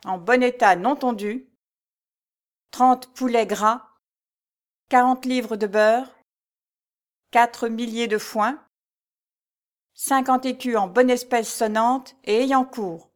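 A woman voicing a short, harsh male steward in a storybook reading, barking loud orders. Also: a little high, steady tone, slow, pauses often, pitched above the performer's own voice. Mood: haughty.

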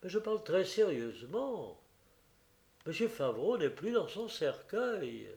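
A man's voice: high-pitched, big pitch swings, unhurried, a little mellow, echoey room, pitched above the performer's own voice, exaggerated voice. A man voicing a harsh, menacing female adventuress in an audiobook reading. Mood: insistent. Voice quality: harsh, threatening.

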